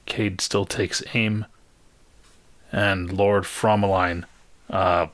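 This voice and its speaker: A man acting as game master, narrating a tabletop game and patiently explaining rules and scenes with many pauses and fillers. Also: deep voice, flat delivery, a bit bright, no echo.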